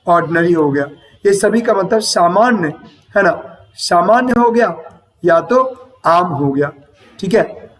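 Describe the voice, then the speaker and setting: Man, high voice, slow and patient, Indian English accent, vocabulary lesson, mic set back from him. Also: far from the mic, low-quality recording. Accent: Indian English pronunciation. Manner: explains slowly, repeating words and asking "है ना?" after each point. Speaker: teacher.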